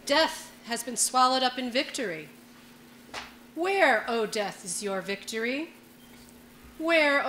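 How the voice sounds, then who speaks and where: A middle-aged woman reading scripture solemnly as lector, in short deliberate phrases, at a church lectern with echo. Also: high voice, bright, forceful tone. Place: stone church interior. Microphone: gooseneck microphone at lectern. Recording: echoing church, faint background noise.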